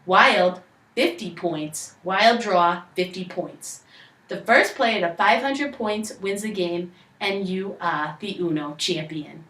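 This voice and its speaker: A young woman with a Boston accent reads scripted instructions aloud like a storyteller. Her pitch moves around in a lively way at a middling height. The sound is roomy, as from a camera across a living room. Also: slow pace. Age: young adult. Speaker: presenter of a game tutorial. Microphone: camera a few metres away. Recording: echoey room, distant camera mic.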